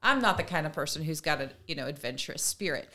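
A woman co-hosting a podcast talks in a casual, conversational way, animated and fast. Her voice is a little low yet bright and forceful, and she slips into imagined quotes to make her points.

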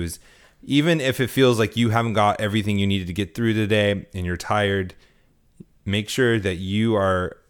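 A tired man hosting his own podcast, talking casually and rising into emphatic rhetorical questions. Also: deep voice. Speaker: podcast host. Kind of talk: casual political commentary.

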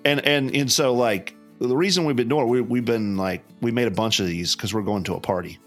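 A man, a pastor co-hosting a podcast, chatting casually in a rambling, hesitant, deadpan way. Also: medium pitch, brisk, soft background music. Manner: rambling, hesitant, full of fillers and restarts, deadpan.

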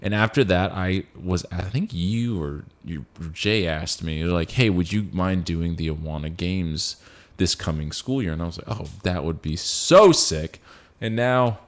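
A young man co-hosting a casual church podcast, rambling and correcting himself, loud and playful. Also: low voice, moderate pace. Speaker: podcast co-host.

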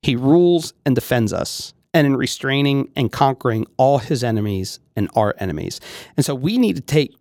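A man's voice: medium pitch, expressive, normal speed, vocal fry, a little mellow, no room sound, studio quality. A man hosting a podcast, talking through theology in a casual monologue with frequent fillers and restarts. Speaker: podcast host.

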